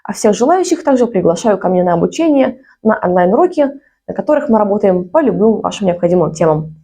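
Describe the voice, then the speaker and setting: A woman language teacher giving a short pronunciation lesson and promoting her course, explaining each sound clearly. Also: medium pitch, sing-song, quick pace, dark tone.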